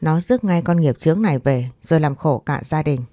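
A woman's voice: deep voice, lively intonation, brisk, dark tone, no echo, studio quality. A woman voicing a weary, regretful older mother-in-law who sighs and complains. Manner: sighing, complaining.

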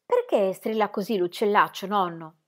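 A woman voicing an eager, curious little girl in a storybook reading, talking excitedly and full of questions. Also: medium pitch, moderate pace, lightly acted.

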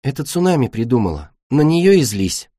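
A man's voice: medium pitch, sing-song, normal speed, mellow, no echo, studio quality. A man voicing a proud, sly young female dragon with a teasing, light manner.

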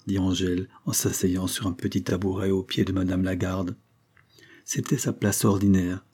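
A man narrates a classic novel in a measured, steady storytelling manner. His voice sits low, with a dark, mellow tone and a husky edge. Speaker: audiobook reader. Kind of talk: literary narration.

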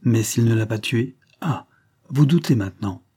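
A man voicing a tense, brusque police agent who speaks hard and urgent, raising his pitch above his narrating voice. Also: animated, normal speed, dark tone, husky. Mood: brusque, intense.

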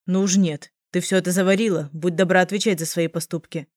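A woman's voice: on the low side, steady tone, fairly quick, darkish tone, dry recording, studio quality, lightly acted. A woman reading an audiobook, voicing a stern young man who firmly reproaches his sister. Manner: firm, reproachful.

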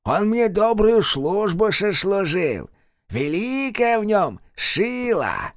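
A man doing a shrill toothless jeering ex-chairman. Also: very animated, no room sound, clean studio sound, heavily acted. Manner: drawn-out jeering, pompous when proclaiming. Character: toothless unhinged male village ex-chairman, servant of a witch.

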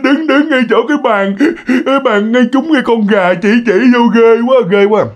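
A man's voice: very high-pitched, pitched above the performer's own voice. A man voicing a frightened two-year-old toddler who stammers and repeats words through sobs. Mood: scared, tearful. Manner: halting, repeating words, whimpering.

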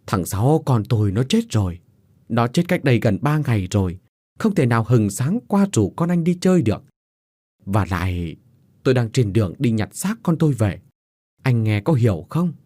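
A man's voice: mid-range voice, very animated, moderate pace, mellow, no room sound, studio quality. A man voicing a stern, grieving village man who speaks in a grave, firm way.

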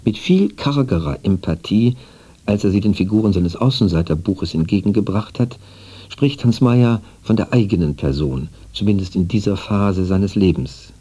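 Low, husky male feature narrator. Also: moderate pace. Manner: even, formal, literary delivery. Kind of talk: scripted radio feature narration.

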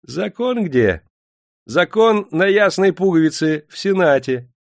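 A man voicing a sly, pudgy male official who talks in a sweet, ingratiating, unhurried way in a storybook reading. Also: on the high side, gravelly, no echo, studio quality, voice pushed up. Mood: sweet, smug. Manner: honeyed, unhurried, smugly calm.

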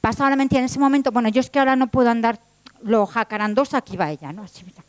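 Playful high-voiced woman storyteller. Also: racing. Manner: playful, full of sound effects and asides. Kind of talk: lively live storytelling. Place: event hall.

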